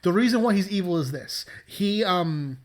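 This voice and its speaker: A man's voice: high voice, normal speed. A man in his thirties co-hosting a comedy podcast, ranting animatedly and swearing freely in casual chat. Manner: animated, profane, exaggerated ranting. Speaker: podcast co-host.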